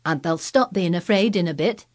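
A woman's voice: lowish voice, moderate pace, no room sound, clean studio sound, natural voice. A woman voicing a cheerful country boy who reassures his friend in broad dialect. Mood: reassuring.

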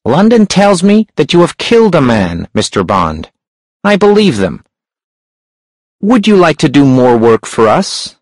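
A sharp, high-voiced hunchback gangster, as a male narrator puts him on, who talks down to people with smooth control. His pitch climbs well above the narrator's own and swings a lot. The voice is a little husky and close, in a dry room. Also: huge pitch swings, measured pace, dry recording, exaggerated voice. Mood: commanding. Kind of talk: audiobook character voice.

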